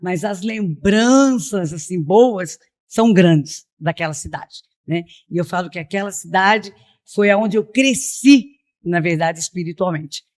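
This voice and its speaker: Her voice is on the low side and a little mellow, at a measured pace. She's a middle-aged missionary from Piracicaba in São Paulo state, Brazil, recounting her story in a conversational podcast interview and regularly tagging on "né?".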